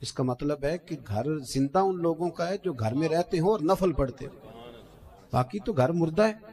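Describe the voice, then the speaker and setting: A male preacher, delivering an impassioned sermon that swings between loud outbursts and hushed asides. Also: a little high, expressive, normal speed. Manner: chants verse in a sung tone. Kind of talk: Islamic sermon.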